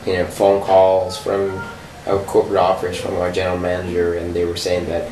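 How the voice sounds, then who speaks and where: Low-voiced guy from sudan, lots of ums, far from the mic, echoey noisy room. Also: completely flat delivery, normal speed, darkish tone. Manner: hesitant, many fillers and restarts. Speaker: interviewee. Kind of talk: personal recollection, casual storytelling.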